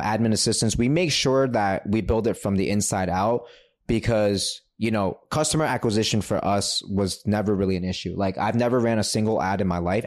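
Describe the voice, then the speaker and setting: Brash, profane man from New York. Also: on the low side. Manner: brash, profane, animated storytelling. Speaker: podcast guest, credit repair entrepreneur. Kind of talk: casual podcast chat.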